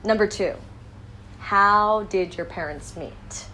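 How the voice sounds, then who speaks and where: A woman's voice: mid-range voice, slow, pushed and bright, slight background noise, rough recording. A woman in her thirties, born in Korea and raised in the United States, reads out interview questions and answers them herself in a thoughtful way, with many fillers and restarts. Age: 30s.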